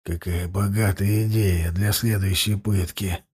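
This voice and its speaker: A rasping, bitter blind singer chained in a dungeon, voiced by a man. His low, dark voice is husky and worn, and every line drips with sarcasm or defiance. He speaks slowly, as in an audiobook reading. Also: fairly even intonation, exaggerated voice. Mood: bitter, hoarse. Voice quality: hoarse, rasping. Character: hoarse, bitter, enraged blind male singer prisoner. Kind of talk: audiobook character voice.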